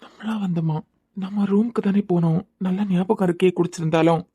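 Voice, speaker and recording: A woman's voice: mid-range voice, fairly quick, warm tone, lightly acted. A woman with a Kanyakumari Tamil accent voicing a polite, bewildered young man in a cartoon serial.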